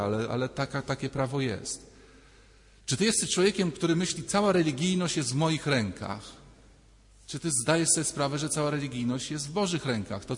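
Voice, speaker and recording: Guy preaching in a big echoey church, chatty, does little voices for the people in his stories. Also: medium pitch. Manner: conversational, acting out quoted voices. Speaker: priest. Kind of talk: sermon. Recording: reverberant church hall.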